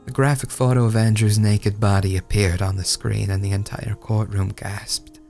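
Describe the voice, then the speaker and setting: A man with a low, crackly, gravelly voice narrates a dark horror short story in the first person. His tone stays steady but brooding and hushed, broken by dramatic pauses, while background music plays clearly underneath.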